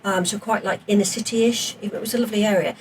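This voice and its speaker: A woman in her fifties, raised in South Africa, chatting as a podcast guest and telling stories in an animated way. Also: medium pitch, quick pace, distant mic, a little hiss or hum. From England, raised in South Africa. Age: 50s. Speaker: podcast guest, former police officer. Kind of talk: casual interview chat.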